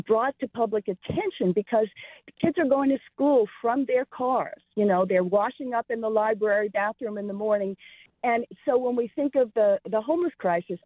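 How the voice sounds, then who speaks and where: A woman's voice: mid-range voice, no room sound. A woman with a New York accent calls in to a talk show over a tinny phone line. She speaks earnestly and with emphasis, pressing her point, and the line is dry, with no room sound. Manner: earnest, emphatic, pleading for attention to an issue. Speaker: caller, realtor. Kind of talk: call-in radio talk. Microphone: telephone.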